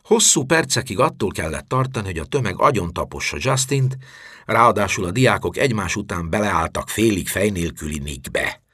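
A man reading an audiobook aloud with dramatic, expressive storytelling that drops low for tension. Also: husky, no echo, studio quality. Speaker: audiobook narrator. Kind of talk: expressive scripted narration.

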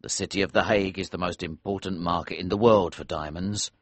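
A man playing an older, steady protector with a very deep, husky voice. He speaks slowly and gravely, reassuring the young hero in a storybook reading, with a dry, close sound. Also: dry recording.

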